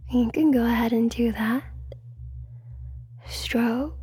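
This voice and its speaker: Slow whispered role-play, woman right in your ear. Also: a little high, fairly even intonation, dark tone, slight background noise. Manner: close, intimate whisper right in the listener's ear; slow, unhurried, suggestive delivery. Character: teasing, seductive, controlling female hypnotist. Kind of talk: whispered role-play, erotic hypnosis ASMR. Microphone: very close microphone.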